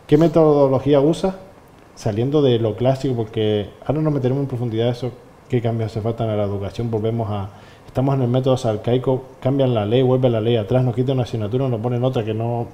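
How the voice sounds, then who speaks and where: A man's voice: mid-range voice, quick pace, dark tone, a little hiss or hum. A man, interviewing a guest with long, rambling questions.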